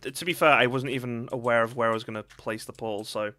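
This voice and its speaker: Talking fast in a medium-pitched, sharp voice with a steady tone, a man streams a survival game and comments live. Jumpy by nature, he lets out sudden yelps at scares and keeps up chatty asides with his viewers.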